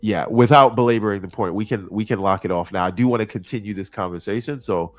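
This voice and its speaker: A man's voice: on the low side, fast talker. A man co-hosting a casual podcast, sick with a cold, his nose congested as if plugged with tissue. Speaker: podcast co-host.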